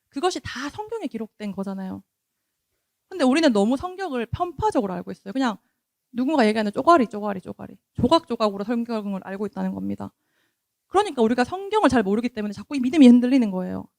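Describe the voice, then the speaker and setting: A woman's voice: fairly high pitch, creaky, darkish tone, dry recording, clean studio sound. A young woman with a Gyeongsang accent preaching a sermon at a youth service, talking conversationally and asking the congregation questions.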